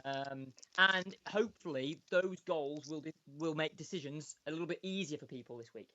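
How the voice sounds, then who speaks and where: A man with a high voice talks casually on a podcast, sounding hollow and muffled as if inside a fishbowl. The dull, lo-fi audio comes over an internet call with no headset. He is keen and repeats his points for emphasis. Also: normal speed, bright, forceful tone. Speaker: podcast co-host. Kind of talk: casual chat. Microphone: Skype call without headphones.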